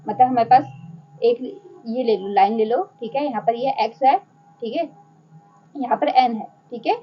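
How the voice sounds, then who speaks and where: High-voiced Hindi-accented woman lecturing. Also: slightly rough, dull audio. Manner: explains step by step, asking and answering her own questions. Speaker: math lecturer. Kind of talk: whiteboard math lecture.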